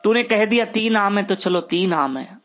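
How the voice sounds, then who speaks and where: A man voicing a simple, uneducated village mother in a told story, with a husky voice. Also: sits high, animated, moderate pace, lo-fi sound, soft background music. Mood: resigned.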